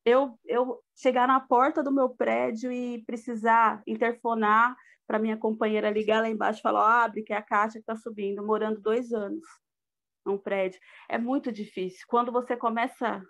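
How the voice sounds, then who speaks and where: Woman, middle-aged, Brazilian Portuguese accent, slightly high voice, earnest personal testimony, reflective. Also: little pitch movement, moderate pace, gravelly, fairly bright tone, lo-fi sound. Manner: earnest, reflective, with frequent fillers. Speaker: guest speaker. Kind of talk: personal testimony in a live talk.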